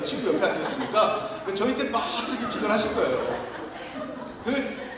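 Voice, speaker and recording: In a hall with long, heavy reverb and a distant mic, a man preaches as a missionary, his voice high and fairly bright. He tells stories and asks the congregation questions, with slight background noise underneath.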